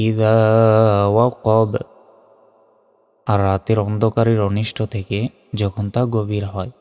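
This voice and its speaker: A man teaching Quran recitation letter by letter, moving between slow chanted recitation and plain spoken explanation. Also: fairly low pitch, darkish tone. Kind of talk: spelled-out recitation lesson. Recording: long reverb.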